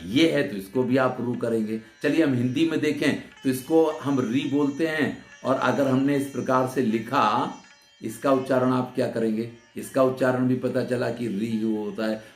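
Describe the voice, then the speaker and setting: A man teaching Sanskrit grammar in a lecture, patiently explaining and asking questions of his listeners before answering them. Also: mid-range voice. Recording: roomy echo with soft sitar music.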